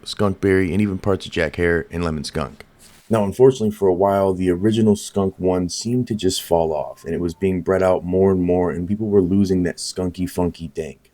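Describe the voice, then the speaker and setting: A man narrating a history in a steady, informative way, with light music behind. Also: low voice. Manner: informative storytelling. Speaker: host. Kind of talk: scripted narration.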